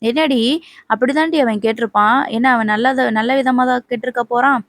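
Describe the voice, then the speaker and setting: A woman voicing a suspicious, sharp-tongued mother who scolds her daughter. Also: on the high side, fairly even intonation, a little fast, no room sound, close to an everyday voice. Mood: scolding.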